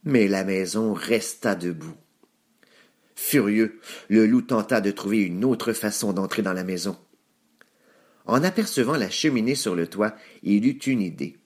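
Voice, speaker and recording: A man narrating a children's story aloud in an expressive read-aloud manner. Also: on the low side, unhurried.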